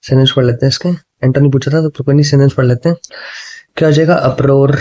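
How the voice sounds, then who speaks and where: Chatty Hindi-speaking exam tutor. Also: male voice, mid-range voice, fairly even intonation, mellow. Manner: chatty, repeats "ठीक है", reads options slowly. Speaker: exam prep teacher. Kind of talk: explaining English exam questions in Hindi. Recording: dull lo-fi sound.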